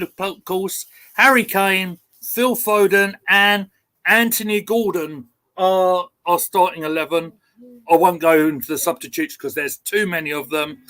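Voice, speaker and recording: A man with an Essex accent and a high-pitched voice hosts a livestream. He talks casually about football, in the loose style of an online chat. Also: fairly bright tone, smooth. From Essex, England. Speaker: host.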